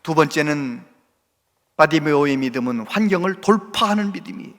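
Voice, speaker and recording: Man, pastor, sermon, high voice, bright tone, impassioned, asks the congregation questions, long church reverb. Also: lively intonation, fairly quick. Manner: impassioned, swings between loud exhortation and hushed speech.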